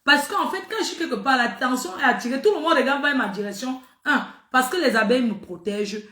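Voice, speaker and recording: Middle-aged woman, casual storytelling, emphatic and repetitive, high voice, echoey room. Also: fairly quick. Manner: animated, emphatic, repeats phrases for effect. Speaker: social media personality.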